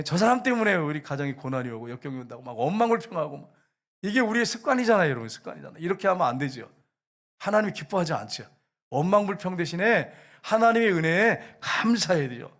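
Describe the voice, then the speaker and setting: Korean pastor guy preaching, kinda high voice, gyeongsang accent, keeps asking the room questions. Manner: addresses congregation directly, asks and answers questions. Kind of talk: sermon.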